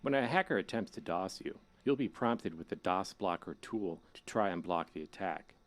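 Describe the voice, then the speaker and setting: A low-pitched male hacker played by a man guides a newcomer through a horror video game. He speaks casually and wryly, like a scripted tutorial narrator, with an ominous edge. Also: lively intonation, normal speed. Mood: instructive, casual.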